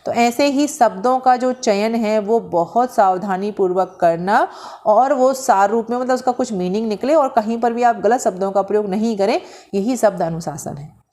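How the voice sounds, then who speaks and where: A woman lecturing on grammar in a somewhat high voice. She talks her students through her notes step by step, posing a question and then answering it. When she demonstrates sounds, she draws out the vowels clearly. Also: warm tone. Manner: explains slowly, often asks and answers her own questions; mixes Hindi with English terms. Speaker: Sanskrit teacher. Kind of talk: lecture explaining handwritten notes.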